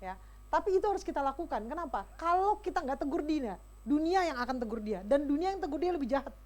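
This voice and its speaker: A woman giving a lively, chatty parenting talk to parents at a school event, speaking directly to the audience. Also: sits high, fast. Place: school hall.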